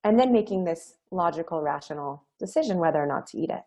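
A woman's voice: on the low side, animated, quick pace, mellow, lo-fi sound. A woman hosting a podcast interview, effusive and affirming as she asks questions. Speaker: podcast host. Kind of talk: casual interview talk.

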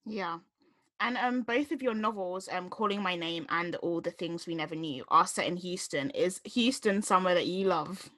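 Bright young British woman interviewer. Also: fairly low pitch, moderate pace. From London, England. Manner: chatty, storytelling with quoted inner thoughts. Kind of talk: casual interview chat.

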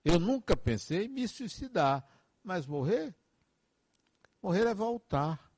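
Male counselor, emphatic advice-giver, expressive pitch, dry recording. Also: slow, breathy edge, no room sound. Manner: earnest, advice-giving, emphatic repetitions. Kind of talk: reflective motivational monologue.

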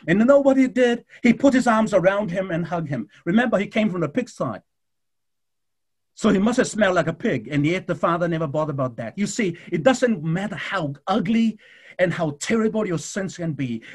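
A man preaching a sermon in a husky, slightly raspy voice that sits high for a man. He speaks fervently to his congregation, slowing down and dropping low for dramatic pauses. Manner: addresses the congregation directly.

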